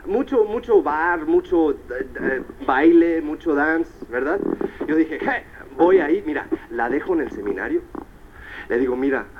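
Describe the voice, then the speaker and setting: Captured on a dull old cassette tape with a little hiss or hum, a motivational speaker with a medium-pitched voice gives a seminar talk. He's an animated storyteller who slips into English.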